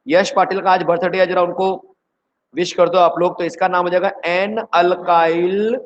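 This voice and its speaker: An Indian man gives a lively chemistry lecture to students online, asking them questions again and again to keep them with him. His voice sits high for a man. The audio is dull and lo-fi. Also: normal speed. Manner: energetic, repeatedly quizzing students. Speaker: chemistry teacher. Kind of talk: online exam-prep lecture. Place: indoors, teaching online.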